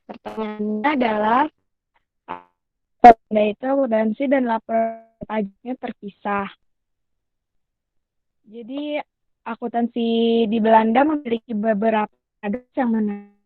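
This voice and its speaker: Woman student presenter, choppy glitching call audio, dull lo-fi sound, measured with hesitant restarts. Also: on the high side, faint music behind. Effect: choppy, cutting-out call audio. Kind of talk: formal class presentation over a video call. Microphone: video call.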